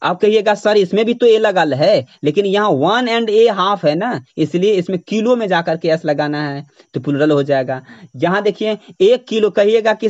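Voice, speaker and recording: A man with a high-pitched voice lectures students on English grammar, explaining step by step, going back over points, and spelling words letter by letter. The audio sounds dull.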